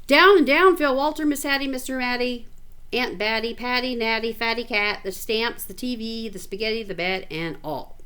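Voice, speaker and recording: With a fairly high, smooth voice at a moderate pace, a middle-aged teacher reads a picture book aloud to children. She breaks in with lively, chatty asides to explain words.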